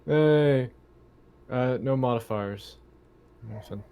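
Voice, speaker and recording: During an online tabletop roleplaying game, a male player chats casually in a slow, mid-range voice with a dark tone. Faint background noise comes through the voice call.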